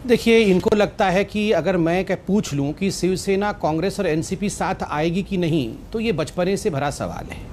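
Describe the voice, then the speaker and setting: A man's voice: high voice, a little mellow, slight background noise. A man speaking as a party guest in a heated TV debate, mocking and combative toward his opponents.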